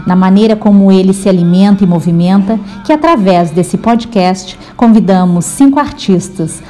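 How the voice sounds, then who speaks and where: A woman from Brazil hosts a podcast, reading her introduction slowly and with care. Her voice is mellow and dark, with faint music beneath it. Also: mid-range voice. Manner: slow, measured reading. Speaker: podcast host.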